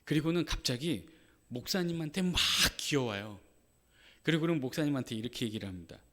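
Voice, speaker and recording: A man's voice: mid-range voice, expressive, fairly quick. A male pastor preaching a sermon in a conversational way, often adding a short "yes" and acting out the lines he quotes. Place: church sanctuary. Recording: reverberant church sanctuary.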